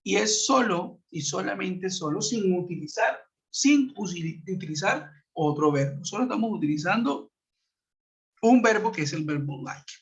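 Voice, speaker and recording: A man teaching an online class, explaining patiently, checking in with his students and reading example sentences slowly. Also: high-pitched, lively intonation. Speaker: English teacher. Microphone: computer mic on a web conference. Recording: muffled web-conference audio.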